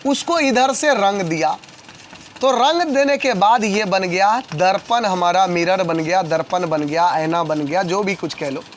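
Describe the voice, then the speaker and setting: Fast-talking man drilling students with questions. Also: high voice, a little hiss or hum. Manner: fast, repetitive call-and-response questioning. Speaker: coaching class teacher. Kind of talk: classroom physics lesson.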